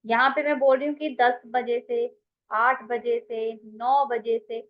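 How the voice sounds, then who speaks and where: A woman's voice: a little high, fairly even intonation, moderate pace, lo-fi sound. A woman with an Indian English accent teaching English grammar in an online class, mixing Hindi and English and calling her students "beta".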